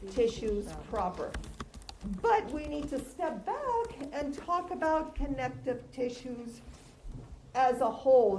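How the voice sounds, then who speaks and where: In a roomy, echoing space with some background noise, a woman teaches a class through a face mask. Her voice sits a little high and sounds slightly muffled. She lectures conversationally, often asking a question and then answering it herself. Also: darkish tone. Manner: conversational, quizzing listeners with questions and answering them. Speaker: lecturer teaching anatomy and histology. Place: lecture room, recorded as audio.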